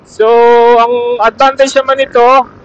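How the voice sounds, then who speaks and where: A motovlogger reviewing gear speaks in an extremely high, fairly bright voice, flat and a little slow, with a Filipino accent. He's casually chatting to fellow riders from his motorcycle on an outdoor road. His helmet intercom doubles as an external camera mic, so the Bluetooth audio sounds dull and muffled.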